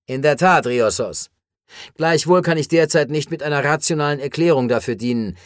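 A man reading an audiobook voices a calm, formal alien who speaks in measured, analytical sentences. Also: on the high side, no echo, studio quality, natural voice.

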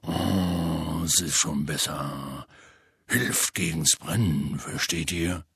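A man voicing a huge, gruff male half-giant gamekeeper in an audiobook, with a deep, rasping voice and rough, folksy speech. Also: wildly swooping pitch, takes it slowly, bright, forceful tone, a little hiss or hum, exaggerated voice. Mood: relieved. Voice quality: deep gravelly rasp. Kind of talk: audiobook character voice.

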